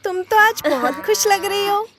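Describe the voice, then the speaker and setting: A chatty young village woman with a high voice who teases her friends. Music plays under the dubbed dialogue. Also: unhurried. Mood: playful. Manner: chatty, teasing. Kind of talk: Hindi film dub.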